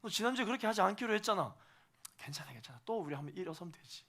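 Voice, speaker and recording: A man's voice: high voice, very animated, brisk, a bit bright, heavily acted. A male pastor voicing God as a fatherly figure who speaks straight to a struggling believer, repeating reassurances. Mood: gentle. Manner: speaks directly to the listener in second person, repeats reassurances. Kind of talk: sermon illustration.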